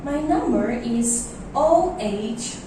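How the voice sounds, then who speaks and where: A woman's voice: fairly high pitch, lively intonation, drawn-out words. A woman playing a cooperative mortgage customer in an amateur role-play, giving brief, agreeable replies. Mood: calm, agreeable. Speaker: bank customer. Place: echoey indoor room, far mic. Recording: echoey room, distant mic, noisy.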